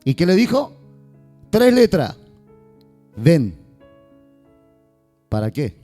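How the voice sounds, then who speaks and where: Male pastor, warm lively sermon delivery, faint guitar underneath. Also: high voice, a little slow. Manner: lively, joking asides to the congregation.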